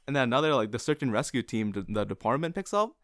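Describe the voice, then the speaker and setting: A man's voice: mid-range voice, big pitch swings, fast, dry recording, studio quality. A man co-hosting a podcast, telling a story in casual chat and laughing often as he goes. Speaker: podcast co-host.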